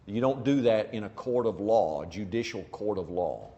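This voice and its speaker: A man preaching a sermon in an animated way, often acting out imagined back-and-forth conversations. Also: lowish voice, moderate pace, in a large hall, lo-fi sound. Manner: animated, acts out imagined dialogues.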